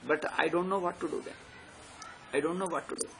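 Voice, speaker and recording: A South Indian man with a fairly high voice delivers an unscripted religious discourse. He is emphatic and repetitive, pressing his points like a teacher, with faint noise behind him. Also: steady tone, fairly quick, gravelly, sharp tone. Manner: emphatic, repetitive exhorting with tag questions. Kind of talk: spiritual discourse, extempore. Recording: background noise.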